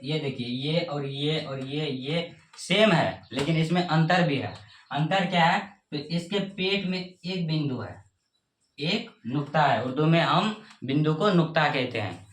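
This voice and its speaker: A man teaches letters in a casual lesson, saying each point twice. His voice sits at a middle pitch. The room sounds echoey. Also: fairly bright tone. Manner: repetitive, says each point twice, confident promises. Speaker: Urdu teacher. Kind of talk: casual teaching of the Urdu alphabet.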